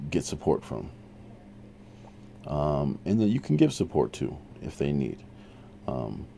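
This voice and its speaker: A man's voice: very deep voice, mellow, slight background noise. A man hosting a recovery podcast, giving earnest, practical advice in an informal teaching monologue with frequent restarts.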